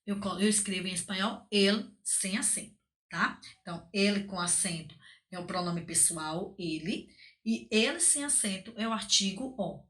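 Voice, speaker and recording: A woman's voice: mid-range voice, moderate pace, fairly bright tone. A Brazilian woman with a Brazilian Portuguese accent, teaching a school language lesson and explaining patiently, often checking in with the class. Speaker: Spanish teacher.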